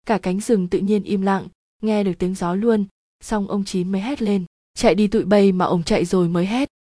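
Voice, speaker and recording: Woman storyteller, casual slangy horror narration, warm dark tone, dry close sound. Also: mid-range voice, no echo. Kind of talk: reading a first-person horror story aloud.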